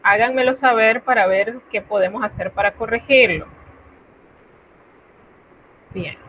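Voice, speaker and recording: Over a video call, a woman with a Latin American Spanish accent teaches French online, explaining patiently in Spanish and checking in with her students. Her voice is on the high side and measured in pace, coming through a tinny, phone-like line with faint noise.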